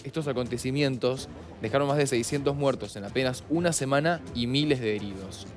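A man co-anchoring a television news segment with a measured, formal delivery. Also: mid-range voice, faint music behind. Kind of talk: newsroom co-anchoring.

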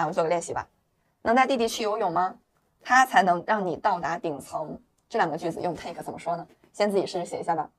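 Here is a woman with a Chinese accent, a native Mandarin speaker, running an upbeat English lesson. She explains phrases, repeats the example sentences, and keeps checking in with her learners using tag questions. Her voice sits at a middle pitch. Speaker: English teacher. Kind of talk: lively online English lesson.

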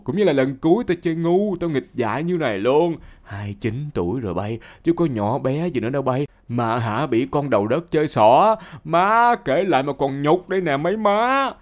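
A man narrating a comic first-person story in slangy, animated talk, speaking straight to his listeners and jumping from low mutters to sudden high outbursts. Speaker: storyteller reading listener confessions.

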